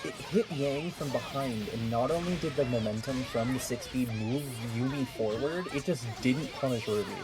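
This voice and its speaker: A man commentating a fighting game tournament, chatty in his analysis with bursts of loud excitement. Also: mid-range voice, moderate pace, few pauses, music in the background.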